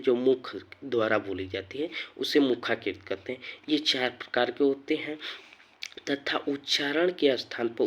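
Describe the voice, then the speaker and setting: A man teaching Hindi grammar, explaining slowly and repeating phrases as he goes. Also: medium pitch, a bit bright. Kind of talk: slow classroom explanation. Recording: dull lo-fi sound.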